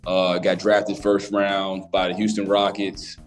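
A young man from Alabama, a college basketball player chatting as a podcast guest in a relaxed, rambling way. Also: low voice, measured pace, soft background music. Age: young adult. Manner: relaxed, rambling, many restarts. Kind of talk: casual interview chat.

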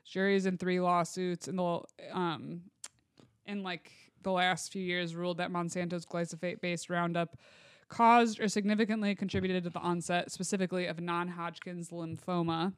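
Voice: mid-range voice, flat delivery, moderate pace, clear, resonant tone, no room sound, studio quality. A co-host explaining researched material in a casual, informal way, with wry joking asides. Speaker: podcast co-host presenting research.

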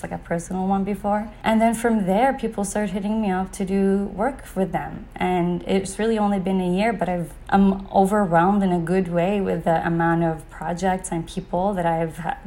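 A woman's voice: on the low side, a little mellow. A young adult woman from Saudi Arabia, a podcast guest, telling her story in a casual interview with frequent "like" and "you know". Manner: conversational, peppered with "like" and "you know".

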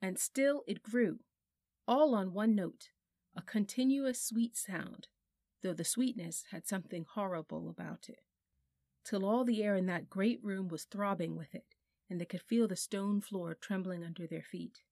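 Woman reading a kids' book out loud, measured, very dry close sound, mid pitch. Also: gravelly, no room sound. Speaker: audiobook narrator. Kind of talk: scripted storybook narration.

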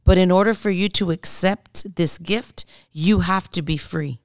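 A woman speaking as a guest minister, earnestly telling a faith testimony and slowly acting out the prayers she leads. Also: on the low side, darkish tone, no echo, clean studio sound. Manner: earnest, slow and deliberate, acts out prayers. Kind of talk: testimony in a podcast interview.

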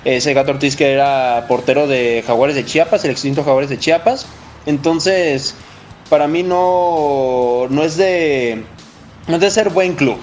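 A man's voice: on the high side, a little slow, darkish tone, slight background noise. A man with a Mexican accent hosting a football show, giving casual, blunt opinions in slangy, emphatic speech.

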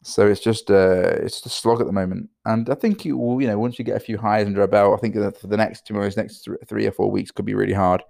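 A tired British man with a low, gravelly voice, hosting a solo podcast. He rambles, stacking fillers and repeating his words. The sound is close and dry, with no room around it. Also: fairly even intonation, fast talker, few pauses, darkish tone, no room sound. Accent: British English. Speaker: podcast host and entrepreneur.

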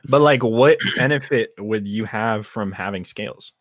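A man's voice: fairly low pitch, moderate pace, no room sound, studio quality. A young man in casual banter with friends, teasing and rambling through his thoughts. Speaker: friend in a group chat.

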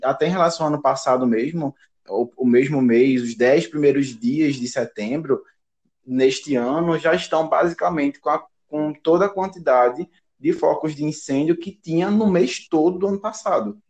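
A man's voice: a little high, normal speed, darkish tone. A man with a Brazilian Portuguese accent, a teacher hosting an educational podcast, explaining in a teacherly way and often ending with tag questions.

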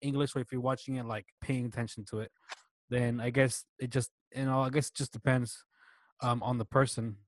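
A man's voice: medium pitch, little pitch movement, brisk, no room sound. A man co-hosting a casual podcast chat, talking hesitantly with many restarts. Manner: hesitant, lots of restarts and fillers. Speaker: podcast co-host.

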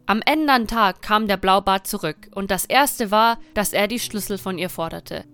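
Woman reading a dark fairy tale. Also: mid-range voice, clean tone, soft background music. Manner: measured, dramatic storytelling. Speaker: storyteller.

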